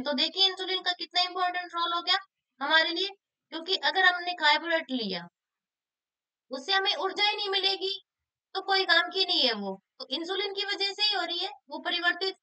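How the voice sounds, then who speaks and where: A woman's voice: very high voice, pushed and bright. A woman teacher, explaining exam questions and answering her own questions. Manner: asks questions then answers them herself; repeats key answers for emphasis.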